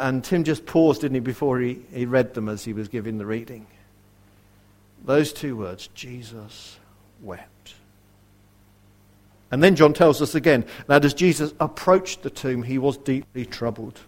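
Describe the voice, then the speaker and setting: A man delivers a sermon in a slightly higher than average voice. He speaks earnestly and puts direct questions to his listeners. His volume swings widely, sinking to a near whisper for quoted verses. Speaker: preacher.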